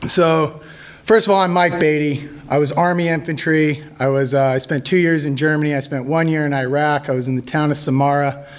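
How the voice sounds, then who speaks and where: A man in his thirties, an army veteran, telling stories casually to a group, joking and halting with many fillers. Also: on the high side. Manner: jokey, animated when acting out quotes.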